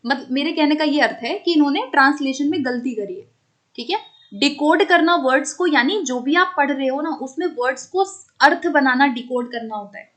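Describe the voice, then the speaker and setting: A woman with a high voice teaches an online exam-prep class. She explains each answer step by step and keeps checking that her students follow along. English terms slip into her explanations. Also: fairly quick, a bit bright.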